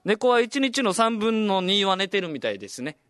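A young man from Okinawa with an Okinawan accent, a comedian and radio host telling stories in a chatty, animated way. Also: high-pitched, moderate pace, no echo. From Okinawa, Japan. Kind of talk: casual storytelling chat.

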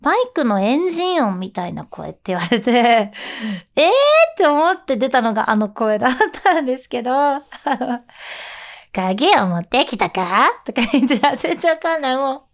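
A woman's voice: sits high, lively intonation, a little fast, hardly any pauses. A voice actress hosting a show, chatting casually and giggling often as she moves between polite and casual speech. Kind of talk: casual chat.

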